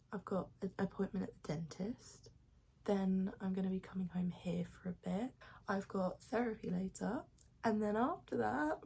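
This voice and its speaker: A young woman chats to her camera at home, her voice very raspy and rough with sleep. She rambles along in a hushed, half-whispered way, audible fry running through her words as she talks casually about her plans. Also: medium pitch. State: morning voice, just woken up. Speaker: vlogger. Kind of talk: casual morning vlog chat. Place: at home with her cat on her lap.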